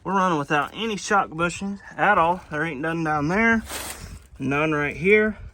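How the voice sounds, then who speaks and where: Guy rambling to the camera while wrenching in his garage, lots of ums and uhs, bit of a higher voice. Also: normal speed, bright, forceful tone, slight background noise. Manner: rambling, many fillers and self-corrections. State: out of breath. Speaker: vlogger restoring a truck. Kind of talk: casual talk to camera while working.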